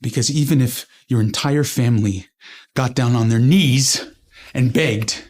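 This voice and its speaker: An actor playing an arrogant young corporate manager who bullies and threatens his relatives, with a husky voice. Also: medium pitch, a little slow, a little mellow, lightly acted.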